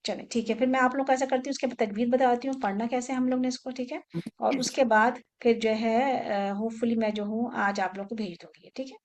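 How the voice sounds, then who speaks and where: A woman teaching an online Quran memorization class, giving brisk instructions, checking in often with her students, and slowing down to recite verses. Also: on the high side, steady tone. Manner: switches between brisk instructions and slow, drawn-out recitation of verses; checks in often with the class, repeating short questions.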